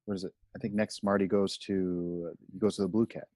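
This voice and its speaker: A man co-hosting a casual podcast discussion, halting as he searches for his words. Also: deep voice, level tone, a little mellow, no room sound, studio quality. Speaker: podcast co-host.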